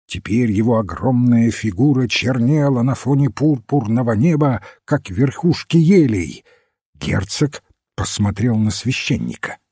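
A man reading a detective story aloud in measured, even narration. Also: mid-range voice, breathy edge, no echo. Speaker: audiobook reader.

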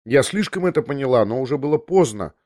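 A man's voice: medium pitch, animated, fast, darkish tone, close to an everyday voice. A man reading an audiobook, voicing a young noblewoman who confesses in a breathless, restless way, half talking to herself, in a slightly raised voice. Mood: confiding. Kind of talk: audiobook character voice.

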